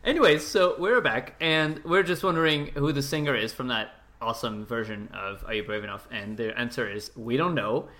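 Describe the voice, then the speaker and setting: A man's voice: mid-range voice, normal speed, few pauses, bright, forceful tone, slight background noise. A man hosting a podcast, chatting casually and rambling with fillers and laughs. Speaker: podcast host. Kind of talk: casual chat.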